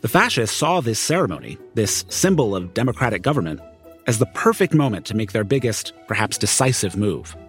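A man's voice: lowish voice, sing-song, brisk. A man narrating a scripted documentary podcast in a conversational, storytelling style. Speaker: narrator and reporter. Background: music.

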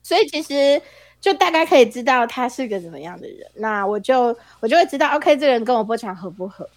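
Female podcast host, Taiwanese Mandarin accent, quick casual chatter, very swingy intonation, playful teasing. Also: on the high side, lively intonation, a little mellow, no echo. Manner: playful, teasing, often laughing. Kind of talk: casual chat, animated anecdotes.

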